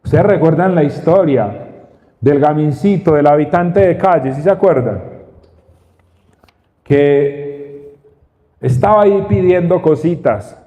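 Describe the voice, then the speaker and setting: Male preacher, slow and emphatic delivery, booming hall, lo-fi capture. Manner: slow, emphatic, with repeated phrases. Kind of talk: sermon. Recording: dull sound, long reverb in a hall.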